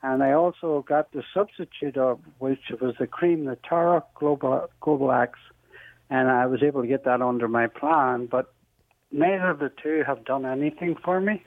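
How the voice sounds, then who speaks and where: A man calling in to a radio show over a phone line, asking his question haltingly with many pauses and restarts. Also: mid-range voice, dry recording. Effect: heard over a phone line. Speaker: radio call-in caller. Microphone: telephone handset held close to the mouth. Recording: tinny narrowband phone line, dry.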